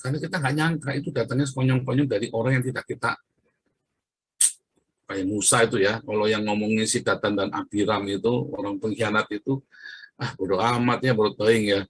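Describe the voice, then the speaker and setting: A man's voice: fairly low pitch, steady tone, brisk, breathy edge, no room sound. A man preaching a casual, conversational sermon, chatting with his listeners and laughing often between remarks.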